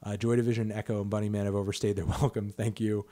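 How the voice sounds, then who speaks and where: A man's voice: on the low side, flat delivery, quick pace, dark tone. A man in his thirties hosting a casual livestream Q&A about music, talking loosely with lots of fillers, restarts and swearing. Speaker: music critic host answering viewer questions.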